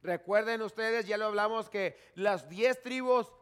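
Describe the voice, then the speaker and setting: A man interpreting a sermon live, following the preacher phrase by phrase. His voice is high and smooth, and his manner is eager. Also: measured pace, fairly bright tone.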